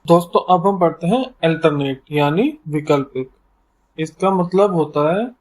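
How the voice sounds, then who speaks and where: Higher-voiced man teaching vocabulary. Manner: explains each word step by step with everyday examples. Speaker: English teacher. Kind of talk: vocabulary lesson.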